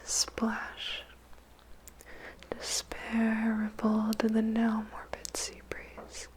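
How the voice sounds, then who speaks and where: A woman whispers a poem in ASMR style, phrasing it deliberately with dramatic pauses. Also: fairly high pitch, completely flat delivery, low-quality recording. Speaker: ASMR performer reciting a poem. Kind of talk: whispered ASMR poetry recitation.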